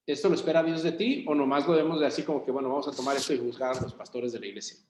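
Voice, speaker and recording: A man's voice: medium pitch, racing, a little mellow, slight background noise. A man, a pastor leading a Bible study in a church room, talking conversationally and putting questions to his group. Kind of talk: interactive Bible study teaching. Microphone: room recording for a video call. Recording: roomy echo.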